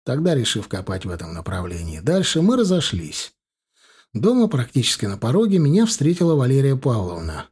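A man reads a first-person audiobook story in a cool, measured voice. His pitch rises and falls in a lively way. He sounds calm and in control of the telling. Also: husky. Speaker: audiobook narrator.

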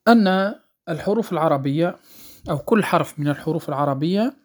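A man teaching the rules of Quran recitation, speaking in a measured, deliberate way with pauses and fillers, checking that listeners follow and drawing out sounds to show them. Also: a little high, expressive. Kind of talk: spoken lesson on recitation rules.

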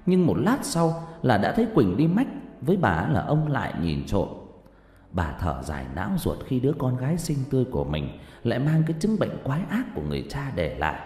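A man's voice: mid-range voice, a little fast. Dramatic male horror storyteller. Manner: dramatic, expressive delivery. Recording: echoey reverb with background music.

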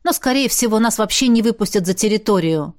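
A woman's voice: mid-range voice, animated, fairly quick, natural voice. A woman voicing a confident young man in an audiobook, assertive and matter-of-fact.

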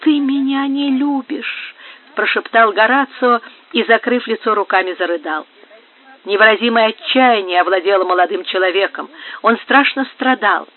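A man narrating a romance novel in a measured, dramatic reading, heard through a narrow phone-like sound. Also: sits high. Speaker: audiobook narrator.

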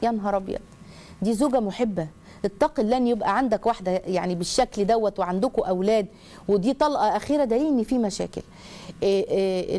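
A woman's voice: mid-range voice, dark tone. A woman with an Egyptian accent hosting a religious advice talk, earnest and emphatic, lecturing with many restarts. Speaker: advice show host. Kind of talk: religious advice talk, reading a listener's letter.

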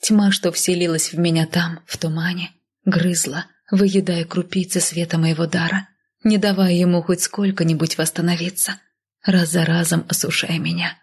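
A woman reads a first-person fantasy audiobook in a measured, even way. Her voice is low and husky. A gravelly fry runs through her delivery. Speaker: audiobook narrator.

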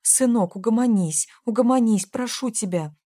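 A woman's voice: medium pitch, normal speed, lightly acted. A woman reading an audiobook, voicing a frightened market-stall mother who begs in a flustered way. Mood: pleading. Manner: begging, flustered.

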